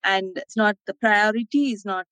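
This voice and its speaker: A woman's voice: medium pitch, normal speed, fairly bright tone, no echo. A woman from Sri Lanka speaking as an interview guest, explaining her points thoughtfully and often checking in with "right?". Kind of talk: conversational interview.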